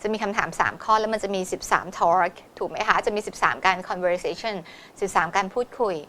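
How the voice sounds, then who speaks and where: A woman teaching a test-prep lesson, explaining in Thai and reading English exam lines slowly. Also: on the low side, a bit bright, a little hiss or hum.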